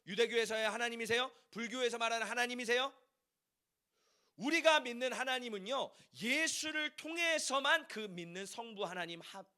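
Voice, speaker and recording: A man's voice: high-pitched, bright, forceful tone. A male pastor preaching a Sunday sermon in a church, asking the congregation questions as he goes. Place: church sanctuary.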